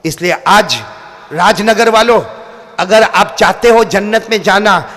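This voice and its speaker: A male preacher delivering an impassioned sermon, often shouting and urging the crowd to respond. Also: high voice, measured pace. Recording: long hall reverb.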